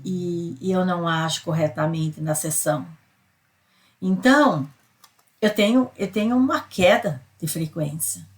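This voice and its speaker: A middle-aged Brazilian woman, a psychologist, giving an earnest spiritual self-help talk and often checking in with her listener. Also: fairly low pitch. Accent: Brazilian Portuguese. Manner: earnest, repetitive, tags sentences with a questioning aside.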